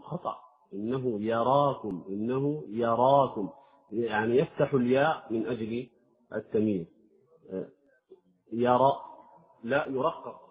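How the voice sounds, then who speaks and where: A man teaching Quran recitation, stopping to sound out letters and words slowly and carefully. His voice sits at an ordinary middle pitch. The audio is thin and tinny, like a phone line. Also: slightly rough. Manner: demonstrates letters slowly, drawn-out examples. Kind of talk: tajweed lesson.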